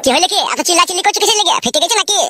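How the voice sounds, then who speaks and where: A woman's voice: very high voice, lively intonation, rapid-fire, bright, forceful tone, slight background noise, exaggerated voice. A woman playing a greedy, gullible young son-in-law in a comic skit. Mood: whiny. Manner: whiny, squabbling, playful.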